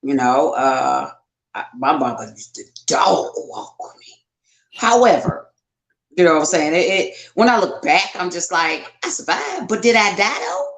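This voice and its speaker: A woman's voice: lowish voice, very animated, a little slow. A woman co-hosting a casual podcast, telling her own stories expressively and reacting with exclamations. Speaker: podcast co-host. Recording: roomy echo.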